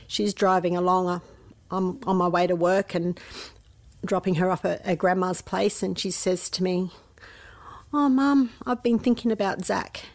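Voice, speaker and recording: A middle-aged Australian woman, a mother speaking about her missing teenage son in an interview, soft and halting, sometimes dropping to a near whisper. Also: lowish voice. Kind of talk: emotional interview testimony.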